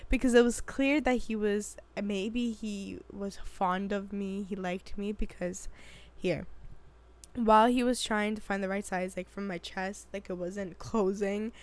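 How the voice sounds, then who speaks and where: Animated young woman telling a story. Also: mid-range voice, a little slow. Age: 20s. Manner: animated storytelling, acts out quotes, laughs often. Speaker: vlogger. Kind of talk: casual storytime chat.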